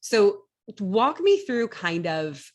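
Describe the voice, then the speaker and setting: A woman hosting an interview podcast, enthusiastic and quick to laugh in casual chat. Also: mid-range voice, very animated, dull audio. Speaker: podcast host.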